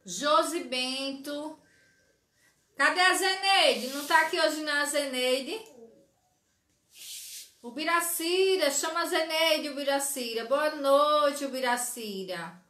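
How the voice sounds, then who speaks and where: Speaking slowly in a high, sharp-toned voice, a woman in her forties leads a live sewing stream, and the room gives her voice reverb. The setting is a small indoor craft studio with shelves of dolls. Her tutorial talk is chatty, full of greetings to viewers by name and repeated "certo?" tag questions.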